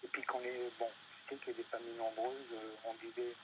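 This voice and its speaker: A man's voice: mid-range voice, flat delivery, a little fast, background noise. A man being interviewed, talking hesitantly with many fillers and restarts. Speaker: interview guest. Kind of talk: casual panel interview. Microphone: studio microphone.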